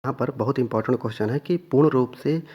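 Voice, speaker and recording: In a muffled recording, a man with a mid-range, slightly rough voice speaks fast while teaching an exam revision lesson. He quizzes listeners by posing questions and answering them himself, repeating the key points again and again.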